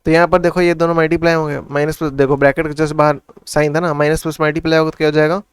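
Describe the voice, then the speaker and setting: Hindi-English tutor man, crisp voice. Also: a little high, level tone, racing, no echo. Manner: works through sums aloud, Hindi mixed with English; asks and answers his own questions. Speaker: maths tutor. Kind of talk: casual classroom explanation.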